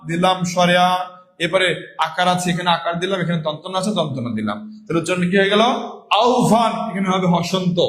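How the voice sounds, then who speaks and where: A man with a high voice teaches a live online class, repeating each rule and answering his own questions. He talks to viewers as brothers and sisters, and his voice rings in an echoey room. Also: a bit bright. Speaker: online exam-prep teacher.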